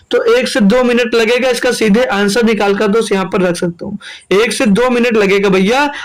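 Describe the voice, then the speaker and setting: A young man from India teaching an exam-prep maths lesson, repeating steps and answering his own questions. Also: sits high.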